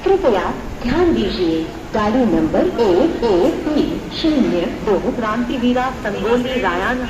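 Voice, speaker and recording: A woman with an Indian accent gives a train station public address announcement, her slow, drawn-out phrases rising and falling in a lively, fairly high voice. The call rings through an echoey station hall over loud rumbling trains. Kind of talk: recorded railway platform announcement. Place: large railway terminus. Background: trains and station bustle.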